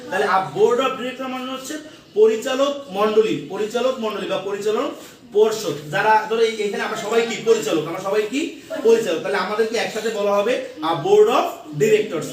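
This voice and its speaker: A man's voice: high-pitched, brisk, heavy reverb, recorded from a distance, a crowd in the background. A man teaching English to a class, asking questions over and over and having students repeat words after him. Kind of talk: classroom lesson.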